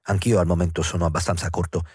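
A man's voice: low-pitched, flat delivery, fast talker, darkish tone, husky, no room sound, clean studio sound. A man voicing a nervous young married actor who speaks hurriedly and tensely.

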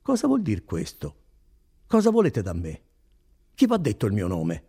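Indignant young peasant guy, loud and high, gravelly edge , man reading it. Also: huge pitch swings, moderate pace, exaggerated voice. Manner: loud, raised and exclaiming.

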